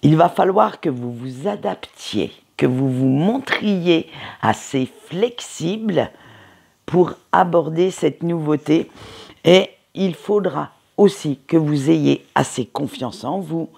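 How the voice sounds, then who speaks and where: A woman reading tarot cards for the week, talking in an unhurried, chatty way with many hesitations and little tag words. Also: low-pitched, vocal fry, darkish tone, breathy edge. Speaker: tarot card reader. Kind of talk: weekly tarot energy reading.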